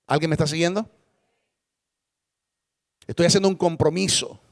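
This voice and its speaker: A man's voice: fairly high pitch, fairly even intonation, moderate pace, gravelly, no echo, studio quality. A man preaching a sermon as pastor, emphatic and dramatic, with speech, often asking the congregation rhetorical questions.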